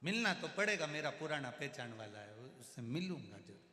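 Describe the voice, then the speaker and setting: A man putting on a loud, deaf old grandpa. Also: medium pitch, very animated, moderate pace. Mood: insistent. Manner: shouts, as the hard of hearing do. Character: hard-of-hearing old grandfather, loud and cheerfully oblivious. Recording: echoey hall.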